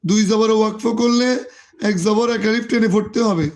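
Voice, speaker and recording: A hoarse Quran teacher who drills the reading syllable by syllable and explains tajweed rules. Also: mid-range voice, steady tone, moderate pace, darkish tone. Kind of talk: slow Quran reading lesson, spelling out letters and vowels.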